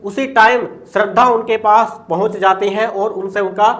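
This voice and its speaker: High-voiced man teaching exam poetry. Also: fairly even intonation, normal speed, a bit bright. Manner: repeats "ठीक है" constantly, explains line by line. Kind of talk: exam-prep lesson explaining poetry.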